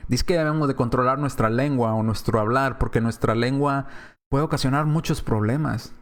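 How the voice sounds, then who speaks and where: A man's voice: medium pitch, moderate pace. A man preaching a sermon in a conversational way, slipping into other voices to act out quoted speech. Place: church.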